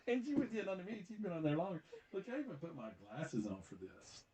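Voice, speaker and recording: A man's voice: high-pitched, huge pitch swings, fast, noisy background. A middle-aged man co-hosting a podcast, teasing his daughter and laughing a lot during joking banter. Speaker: podcast co-host.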